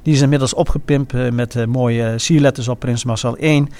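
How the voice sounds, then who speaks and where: A man with a regional eastern Dutch accent reminiscing informally, speaking in a halting way and often pausing mid-sentence. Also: mid-range voice, steady tone, a little mellow. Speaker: former carnival prince and innkeeper recounting his carnival.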